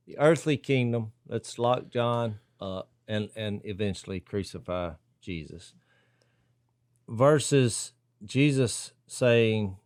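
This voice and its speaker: A man's voice: fairly low pitch, no echo. Man, casual co-host of a Bible discussion, thinks aloud, acts out quotes, dry studio sound. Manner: thinks aloud, acts out quoted lines with sudden loud jumps. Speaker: podcast co-host.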